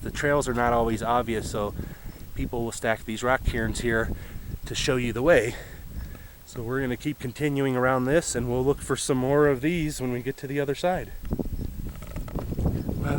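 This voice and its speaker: A man narrates his hike in a casual, upbeat vlog style, pointing out the trail and the scenery. He is recorded outdoors on a camera mic, and clear background noise sits under his voice. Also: mid-range voice. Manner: easygoing, chatty, upbeat about the scenery. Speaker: vlog host. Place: outdoors on a desert mountain trail.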